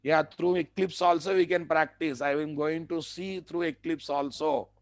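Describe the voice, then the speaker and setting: A man's voice: on the high side, fairly even intonation, normal speed, no room sound. A man with an Indian accent teaching a live technical class, repeating phrases and posing questions that he answers himself. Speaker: software training instructor.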